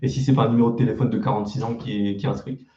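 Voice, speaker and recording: A man's voice: on the low side, fairly even intonation, very fast, mellow, dull audio. Male reaction YouTuber, teasing and self-deprecating, echoey room. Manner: mocking, crude slang, self-deprecating. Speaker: YouTuber reacting to his old videos. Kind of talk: casual reaction commentary.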